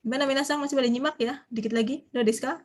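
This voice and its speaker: A young woman lecturing an online language class, chatty and animated, dropping foreign phrases into her explanations and quizzing her students. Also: high-pitched, very fast.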